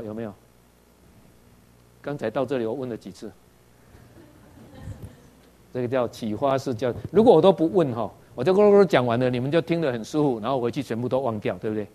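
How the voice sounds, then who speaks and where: A man's voice: mid-range voice, warm tone. Taiwanese-accented man preaching, questioning listeners. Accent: Taiwanese Mandarin. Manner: tags sentences with "ha" and asks the audience questions; acts out quoted dialogue in varied voices. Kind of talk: sermon.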